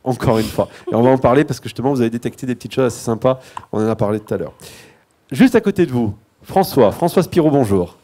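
Hesitant male moderator with a mellow voice. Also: medium pitch, expressive, fast talker. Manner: hesitant, frequent restarts and self-corrections; light joking asides. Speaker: panel moderator. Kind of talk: introducing guests at a live panel discussion.

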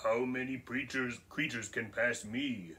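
A man's voice: mid-range voice, fairly even intonation, a little slow, pushed and bright. A man voicing a grumpy female troll in a read-aloud picture book, with a scratchy, roaring delivery. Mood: menacing.

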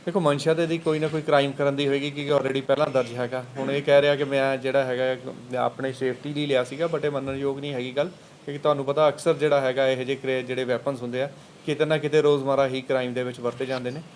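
A man's voice: mid-range voice, level tone, fast talker, a little hiss or hum. A man, a police officer briefing reporters in a rambling way, full of fillers and formal police terms. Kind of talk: press briefing answering reporters.

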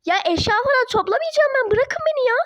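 A woman's voice: very high-pitched, animated, quick pace, no room sound, lo-fi sound. A woman voicing a defiant teenage girl who argues with her parents in a toy-app role-play drama. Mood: indignant. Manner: indignant, argumentative.

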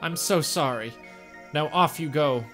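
A gentle, desperate princess from a video game, put on by a man. The voice is lifted in pitch and pleads earnestly and softly, with faint music behind. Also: unhurried. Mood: sorrowful, tender.

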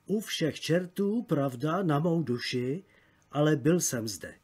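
A man's voice: fairly high pitch, expressive, husky. A man doing a stubborn French peasant. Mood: defensive. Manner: stubborn, loud, evasive.

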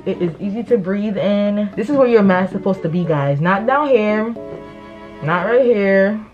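A woman's voice: mid-range voice, lively intonation, normal speed, a little mellow. Woman talking through a face mask. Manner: chatty, playful, sassy asides. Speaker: vlogger. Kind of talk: casual chat to camera. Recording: dull lo-fi sound with music behind.

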